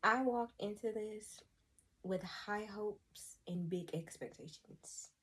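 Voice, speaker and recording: A young adult woman from the United States gives an emotional personal testimony to camera. She is earnest, sighs often, and calls her viewers y'all. Her medium-pitched voice is a bit bright and slightly rough, and she takes her time.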